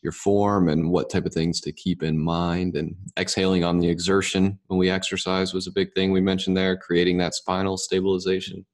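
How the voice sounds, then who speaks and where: A deep-voiced man co-hosting a podcast, talking in a relaxed, rambling way. His tone is easygoing and conversational. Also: a little fast, hardly any pauses. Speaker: podcast co-host, student clinician. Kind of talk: casual podcast chat.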